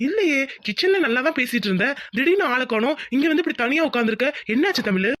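A woman voicing a young village man in a cartoon, a hungry, doting son and caring husband who talks fast, pleading and teasing. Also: sits high, animated, a bit bright, no echo, clean studio sound. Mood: concerned husband. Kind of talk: Tamil cartoon voice acting.

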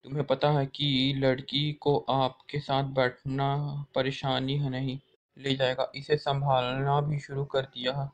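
A man's voice: medium pitch, completely flat delivery, unhurried, lightly acted. A man reading the lines of a firm middle-aged mother in his own voice, with no acting. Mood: reproachful.

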